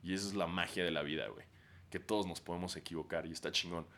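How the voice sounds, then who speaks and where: A man's voice: sits low, fairly even intonation, fast, a bit bright. A man with a Mexican accent talking casually and profanely on his podcast, ranting and putting on mocking voices. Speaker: podcast host.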